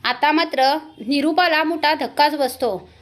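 A woman narrating a TV serial recap in a steady, dramatic storytelling manner. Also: sits high, measured pace.

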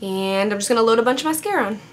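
A beauty vlogger in her twenties, with a slightly raspy, fairly high voice, chats playfully and very fast while applying makeup at her vanity in a home makeup room. She's expressive and casual throughout the tutorial, with faint music playing in the background.

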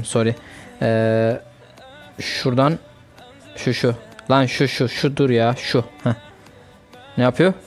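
A young man hosting a gaming channel, chatting casually and reacting excitedly to a mobile fighting game as he plays. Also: medium pitch.

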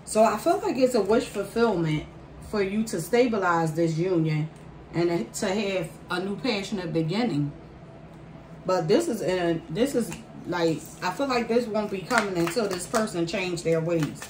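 A woman giving a casual tarot card reading to viewers, pausing mid-phrase and repeating phrases for emphasis. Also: on the low side, darkish tone. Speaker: tarot reader. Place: indoor room at a table by a window. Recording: roomy, distant mic, faint background noise.

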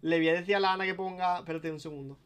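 Chatty young streamer, higher voice. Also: male voice, steady tone, very fast, clear, resonant tone. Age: young adult. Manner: chatty, swearing, restarting sentences. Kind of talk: casual live-stream chat.

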